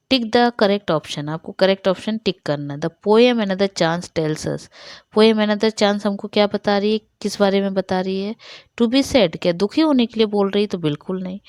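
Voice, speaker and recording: An Indian woman teaching an English revision lesson at a middle pitch. She reads each English line slowly, then explains it in Hindi and quizzes the class with questions she answers herself. The sound is dry and close. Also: dry recording.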